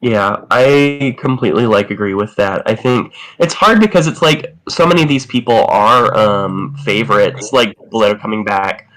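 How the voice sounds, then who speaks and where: A man co-hosting a casual podcast, sick with covid and a little raspy, talking in a rambling way full of fillers. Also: lowish voice, animated, normal speed, few pauses, a bit bright, rough recording. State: sick with covid, slight rasp. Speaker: podcast co-host.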